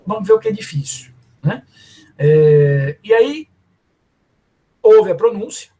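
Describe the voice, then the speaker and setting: A law professor gives a live online lecture in a high, sing-song, dark-toned voice, speaking slowly. He explains the material step by step and calls on students by name.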